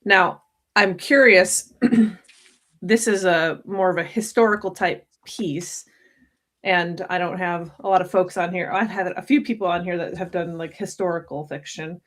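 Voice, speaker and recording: A woman's voice: fairly low pitch, a little slow, a bit bright. A woman hosting an interview, asking thoughtful, winding questions with restarts. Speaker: podcast host.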